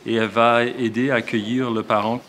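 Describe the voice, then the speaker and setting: A male elementary school teacher with a Québécois accent speaks in a documentary interview, thinking aloud and often restarting his sentences. His voice sits in the mid range with little pitch movement, and he talks briskly with a slightly bright tone. The manner is reflective and explanatory.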